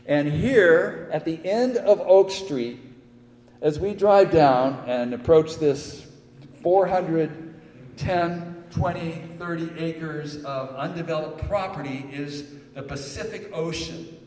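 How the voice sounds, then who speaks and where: A man's voice: on the high side, takes it slowly, a little mellow. An older man preaching a sermon in a church, rambling with many fillers and rising to emphatic peaks. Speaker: pastor. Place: church hall. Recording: echoey hall with long reverb.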